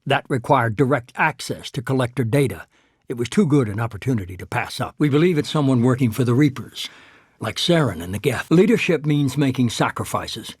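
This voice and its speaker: An actor playing a calculating middle-aged male leader of a shadowy human-supremacist organization in a video game, speaking in a husky, measured, authoritative and persuasive way. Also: mid-range voice, expressive, dry recording, studio quality. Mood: cool, measured. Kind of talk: cinematic video game dialogue.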